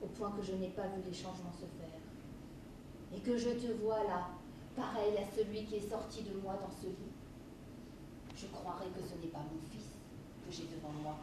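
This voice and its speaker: A woman playing a frightened grieving mother on stage, pleading and shrill when scared. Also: normal speed, pauses often, natural voice. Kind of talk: stage play performance. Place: theatre stage. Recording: echoey hall, distant mic, noisy.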